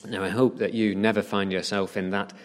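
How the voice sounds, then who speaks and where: A man preaching in a church hall, telling a vivid story with frequent "uh" fillers. His voice carries a long reverb from the room. He slows down to stress key words. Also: on the low side, level tone. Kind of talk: sermon.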